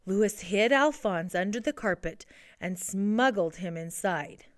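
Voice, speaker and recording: A woman's voice: mid-range voice, animated, measured pace, dry recording, studio quality. Woman reading a storybook aloud. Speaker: narrator. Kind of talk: reading a picture book aloud.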